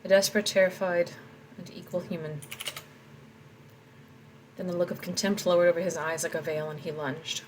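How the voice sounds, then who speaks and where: Low-voiced woman reading her own story. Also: little pitch movement, normal speed, long pauses, a little hiss or hum, low-quality recording. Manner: reflective, talks through her edits. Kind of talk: reading aloud and commenting on edits.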